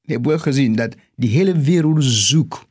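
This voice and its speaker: A man preaching a sermon, emphatic and deliberate, repeating key phrases for weight and pausing for effect. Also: medium pitch, a little mellow, husky, no echo, clean studio sound. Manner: slow and deliberate with dramatic pauses.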